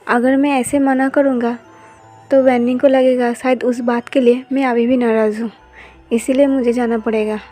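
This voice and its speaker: A quarrelsome young man from a romance story, as a woman reading it aloud puts him on, spoken in an even, level way. The voice sits rather high and has a soft, mellow colour. Faint music plays in the background. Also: moderate pace, natural voice. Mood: pleading. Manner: plain even reading of dialogue.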